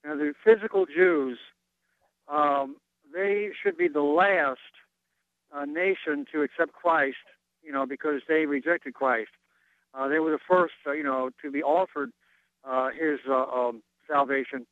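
A man calls in to a radio program, his voice squeezed through a narrow, tinny phone line. He sits a little higher than most men in pitch. He talks haltingly and stops often to search for his words, and the call sounds dry with no room around it. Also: dry recording. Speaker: radio show caller. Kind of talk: call-in question to a Bible talk show. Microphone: telephone.

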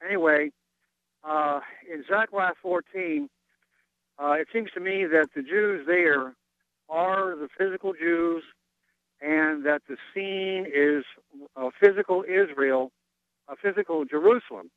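A man calls in to a radio program, his voice squeezed through a narrow, tinny phone line. He sits a little higher than most men in pitch. He talks haltingly and stops often to search for his words, and the call sounds dry with no room around it. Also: clean tone, no echo. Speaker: radio show caller. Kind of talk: call-in question to a Bible talk show. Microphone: telephone.

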